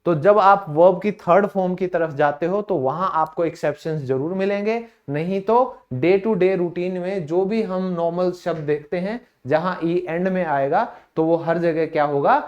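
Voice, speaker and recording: A man with an Indian accent and a higher-pitched voice gives an English lesson. He talks casually and directly to his students, asking a question and answering it himself. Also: a little slow, few pauses, a little mellow, highs cut off. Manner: casual and direct, calls listeners brother. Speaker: English teacher. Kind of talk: classroom-style lesson.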